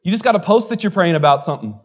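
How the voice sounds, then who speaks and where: This pastor's high voice races along expressively in a lo-fi recording of his church sermon. He's open and conversational, teasing himself and leaning heavily on "like" as a filler.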